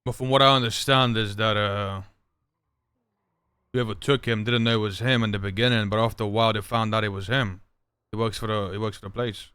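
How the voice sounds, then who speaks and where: A man's voice: lowish voice, steady tone, a little fast, bright, forceful tone, clear, resonant tone, dry recording. A man in an improvised crime game role-play, questioning in a confrontational, pressing way. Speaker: role-player as a gang business partner.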